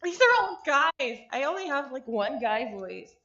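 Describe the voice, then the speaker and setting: A woman reads a visual novel script aloud casually, stopping for ad-libbed asides and apologizing for how she pronounces names. Her high, very animated voice sounds pushed and bright at a measured pace, with the highs cut off.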